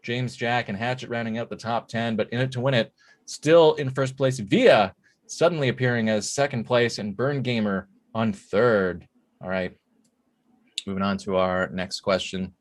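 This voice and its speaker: A man's voice: medium pitch, normal speed. A man hosting an online trivia show, announcing answers and leaderboard standings in an upbeat, chatty way. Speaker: trivia host. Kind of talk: announcing quiz results and leaderboard.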